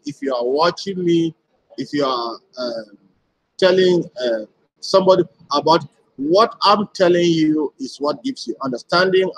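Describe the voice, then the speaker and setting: A man's voice: a little high, rough recording. A man giving a live broadcast to his community, explaining things step by step and often asking "why?" before answering it himself. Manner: repetitive rhetorical questions answered at once.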